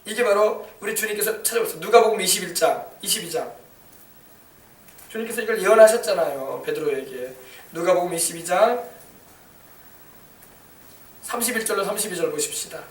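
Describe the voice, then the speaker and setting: A pastor with a high voice preaches in a church sanctuary, his words ringing through a roomy, echoing space. He stands a little away from the microphone and throws himself into the quoted lines with rising emphasis. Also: brisk, long pauses. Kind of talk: sermon. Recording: echoey church hall, mic at a distance.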